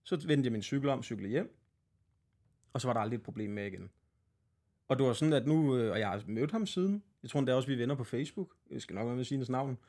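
Male co-host from Denmark, blunt, salty storyteller, mid-pitched voice. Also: animated, a little mellow. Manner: blunt, swear-heavy storytelling. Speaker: podcast co-host. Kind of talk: casual podcast chat.

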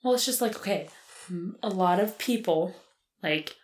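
A woman's voice: mid-range voice, normal speed, a little mellow. A woman co-hosting a podcast, chatting casually in a wry, rambling way. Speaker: podcast co-host. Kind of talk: casual chat.

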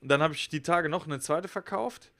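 Fast-talking casual German guy. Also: on the high side, a bit bright. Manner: chatty storyteller, slangy. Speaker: podcast co-host. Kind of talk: casual podcast chat.

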